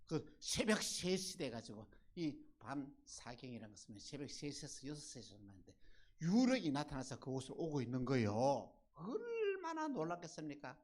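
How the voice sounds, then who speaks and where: A pastor preaching a storytelling sermon. The pastor keeps asking the congregation rhetorical questions and swings from loud exclamations to hushed near-whispers. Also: medium pitch, husky.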